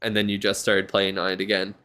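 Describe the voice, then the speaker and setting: A man's voice: low-pitched, completely flat delivery, a little fast, sharp tone. A tired man streaming live, giving casual, rambling commentary on a viewer's game account and thinking aloud with lots of fillers. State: yawning, tired.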